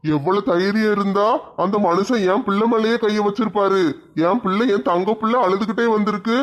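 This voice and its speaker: A man's voice: sits high, steady tone, moderate pace, natural voice. A man playing an indignant doting father. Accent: Tirunelveli Tamil. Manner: indignant, protective.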